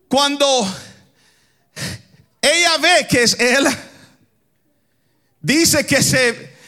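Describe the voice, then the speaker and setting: A man from the Dominican Republic preaching an impassioned sermon, shouting some lines and chanting others in a sing-song cadence, calling his listeners brothers. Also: very high voice. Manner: keeps addressing the congregation as brothers.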